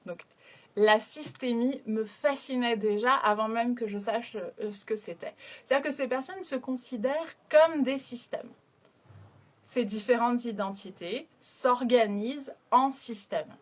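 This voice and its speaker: A woman's voice: a little high, a little slow. A woman explaining a therapeutic approach to her listeners, hesitant, with many fillers and restarted phrases. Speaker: systemic hypnotherapist. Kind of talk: explanatory talk to an audience.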